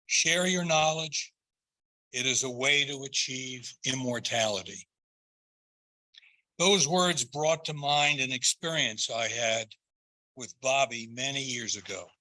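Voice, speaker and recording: An older man delivers a prepared eulogy in a measured, earnest and tender way, phrase by phrase. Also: medium pitch, bright, forceful tone, poor audio.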